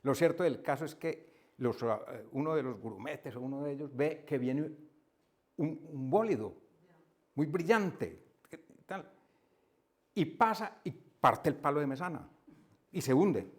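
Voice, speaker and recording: A man's voice: fairly high pitch, lively intonation, a little slow, long pauses. A man retelling a novel at a book club, telling it as a story, laughing often and repeating himself. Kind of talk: casual book discussion. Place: coworking room with a small group.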